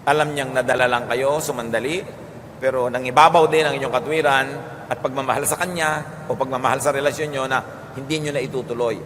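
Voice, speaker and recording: A man with a Filipino accent giving a calm teaching sermon, moving between Tagalog and English. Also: mid-range voice, fairly quick. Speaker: preacher. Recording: long hall reverb with faint noise.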